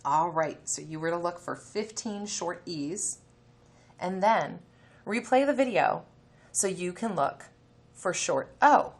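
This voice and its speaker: Speaking slowly and expressively in a lowish register, a female elementary teacher runs a reading lesson. She tells the children what to do, sounds out letters, then reads a passage aloud.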